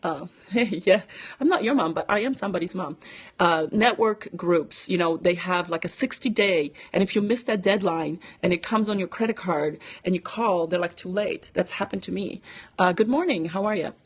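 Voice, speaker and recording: A woman's voice: lowish voice, moderate pace, husky. A middle-aged woman giving casual, chatty money advice on a live stream, with many fillers, stopping now and then to answer viewer comments.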